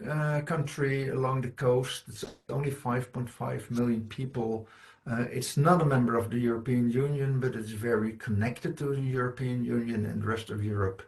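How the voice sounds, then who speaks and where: A middle-aged man presents at a conference in earnest, explanatory English. He often breaks off and restarts his phrases as he works through each point. His voice sits at an ordinary male pitch. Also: gravelly, a little mellow. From Netherlands. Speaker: conference speaker.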